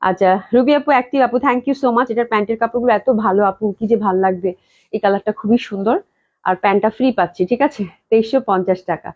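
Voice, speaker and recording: A woman from Bangladesh runs a live clothing sale, talking fast in a fairly high voice. She repeats prices over and over and mixes English phrases into her chatter. The audio is dull and lo-fi, as from a live stream. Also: a little mellow. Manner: talks slowly on purpose to hold back a cough.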